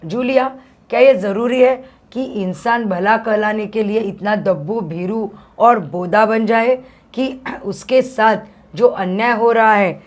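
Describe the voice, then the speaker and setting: A woman reading out a stern stingy master of the house, lecturing, counting money out slowly, read aloud from a story in class. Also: medium pitch. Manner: lecturing, drawn-out reckoning of money.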